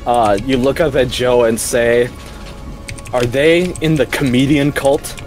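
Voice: medium pitch, fairly even intonation, a little mellow. A player making up a silly story with a friend in a casual gaming chat, often dissolving into giggles. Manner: giggly, slow, dissolving into laughter. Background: background music.

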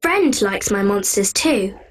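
A woman voicing a cheerful child character in English course audio, speaking slowly and carefully. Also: medium pitch, lively intonation. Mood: clear, cheerful. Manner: slow, carefully enunciated.

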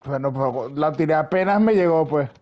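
High-voiced man joking in game chat. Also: moderate pace, muffled recording. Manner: joking, swears freely, laughs often. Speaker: online game player. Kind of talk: casual gaming voice chat.

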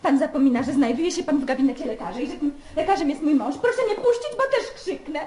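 An actress playing a doctor's wife, protesting and flustered. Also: female voice, high-pitched, expressive, fast talker, a little mellow. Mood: flustered indignant. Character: indignant doctor's wife, adult woman. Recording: echoey, noisy old recording.

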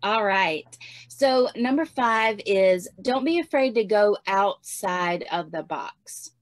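A woman's voice: mid-range voice, animated, slow pace. A woman in her forties giving casual homeschooling advice in a chatty way, with many fillers. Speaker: homeschooling guest speaker.

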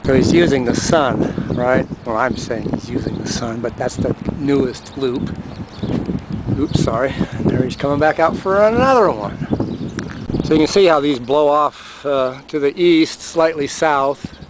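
A man casually narrates while filming the sky, amused and chatty, pointing things out as he moves between the roadside and a car. His medium-pitched voice is a little slow. It is picked up by a handheld camera mic in noisy outdoor audio with traffic sounds.

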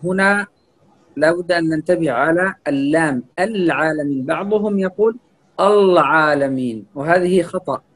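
Male recitation teacher, somewhat high voice, patient drills of pronunciation. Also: breathy edge, rough recording. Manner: explains then slowly models each word. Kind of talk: recitation lesson, correcting pronunciation.

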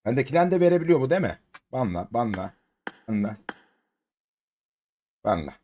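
A Turkish man casually commentates while opening crates in a mobile game, getting excited, chanting repeated words and coaxing his cat. His voice is medium-pitched at a normal speed, with slight background noise.

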